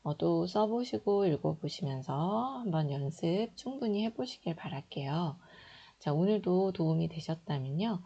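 A woman teaches reading slowly and patiently, sounding out each syllable aloud in a low, husky voice. Her voice has a gravelly fry to it. The recording is dull and lo-fi. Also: animated, mellow. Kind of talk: slow instructional explanation.

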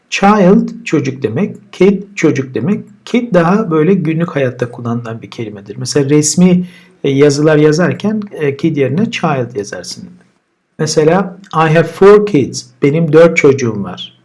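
A man's voice: fairly high pitch, animated, moderate pace, darkish tone. A man with a Turkish accent teaching English vocabulary, saying each word twice and then explaining it. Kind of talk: vocabulary lesson with pronunciation drills.

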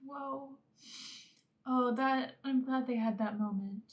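High-voiced young woman reacting to a film. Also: slow pace, muffled recording, noisy background. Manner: short exclamations and questions aimed at the screen. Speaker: movie reaction host. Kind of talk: spontaneous reaction commentary while watching a film. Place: small furnished room indoors. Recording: film soundtrack playing behind the voice. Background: film music and dialogue.

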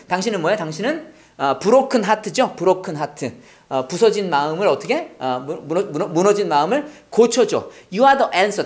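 Brief: teacher, animated, quick-fire questions, drills English pronunciation from song lyrics. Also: mid-range voice. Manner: lively, asks and answers own questions. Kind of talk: worship-song English lesson.

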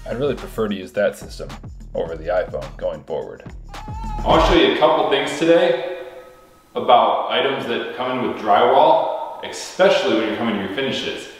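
A man, a custom home builder, giving an upbeat walkthrough vlog inside an empty, freshly painted house, his voice booming with a cave-like echo. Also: very animated, moderate pace, faint music behind. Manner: upbeat, explanatory. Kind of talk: walkthrough vlog explaining construction. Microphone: camera-mounted mic. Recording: heavy cave-like echo in a bare room.

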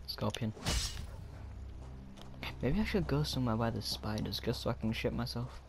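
A man giving casual, excitable gameplay commentary, swearing often and chatting to himself. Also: mid-range voice, moderate pace, creaky, noisy background. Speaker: gaming video creator. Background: game music.

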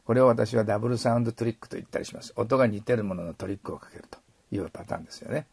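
Middle-aged guy teaching pronunciation, low gravelly voice, dry close sound. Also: a little mellow, no echo. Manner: repeats English phrases slowly and models sounds. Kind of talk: explaining pronunciation in a lesson.

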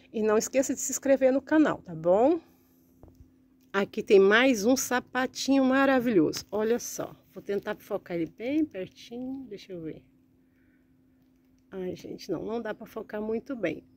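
A woman's voice: mid-range voice, darkish tone. A woman from Brazil filming a casual vlog as she walks through a large orchid greenhouse. She keeps calling out to her viewers, gushing over each flower, recorded on a handheld phone. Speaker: orchid vlogger.

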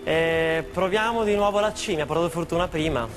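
A man's voice: on the high side, fairly quick. A man in his thirties answering briefly as a quiz contestant, tentatively thinking aloud before he commits. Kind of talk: short spoken quiz answers. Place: large TV studio. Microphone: lapel mic. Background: music.

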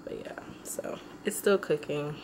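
This vlogger, a woman in her twenties, speaks in a low, slightly slow voice as she casually talks through her cooking, filling the gaps with ums. The handheld camera is held close and moves around the small home kitchen, where frying noise fills the room.

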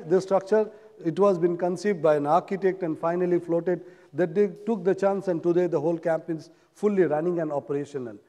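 A man's voice: sits high, warm tone. Indian man presenting in an echoey hall. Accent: Indian English. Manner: earnest explanatory speaking, many uh fillers and restarts. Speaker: industry conference speaker. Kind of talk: conference presentation. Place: large hotel conference hall, on stage.

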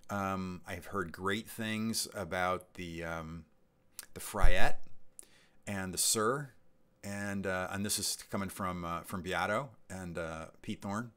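Deep-voiced man rambling on a live stream. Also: slow, bright, forceful tone, clear, resonant tone. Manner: rambling, with many ums and restarts. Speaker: livestream host. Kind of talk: casual live-stream chat.

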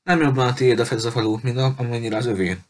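A man reading the part of a mysterious woman from a pirate crew, speaking calmly and guardedly through a door, in a spoken storybook. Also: medium pitch, close to an everyday voice. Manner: calm, guarded, quietly knowing.

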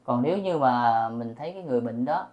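Middle-aged storyteller. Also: male voice, medium pitch, expressive, quick pace, lo-fi sound. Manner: repetitive, addresses listeners directly. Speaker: host of a spiritual channel. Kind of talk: storytelling to viewers.

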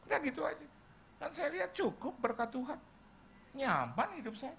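A man's voice: very high-pitched, moderate pace, gravelly, slight background noise. A middle-aged man preaching a sermon, telling stories and acting out little conversations. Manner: lively storytelling, acting out dialogue. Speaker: pastor. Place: church hall.

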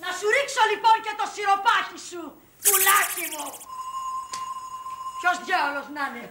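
A shrill, nagging housewife. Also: female voice, reverberant, heavy background noise. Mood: shrill scolding. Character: shrill nagging housewife scolding her husband. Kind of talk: 1980s comedy film acting.

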